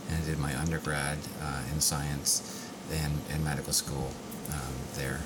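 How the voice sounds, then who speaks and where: A man's voice: a bass voice, little pitch movement, normal speed, loud music behind the voice. A man in his sixties from Belgium, raised in Canada, speaking as a guest doctor in a casual interview, with many fillers and restarts. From Belgium, raised in Ontario, Canada. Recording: noisy background.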